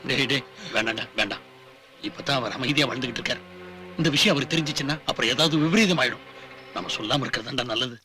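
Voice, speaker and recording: A man's voice: very high voice, brisk, pushed and bright, full character voice. An actor playing a wisecracking male sidekick, talking in a teasing, mocking way with a Tamil accent. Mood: worried. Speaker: comic sidekick in a film. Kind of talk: film dialogue.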